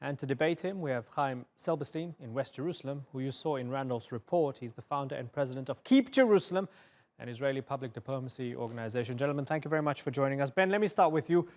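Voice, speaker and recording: A male news host moderating a debate with brisk, pointed questions. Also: medium pitch, expressive, a little mellow.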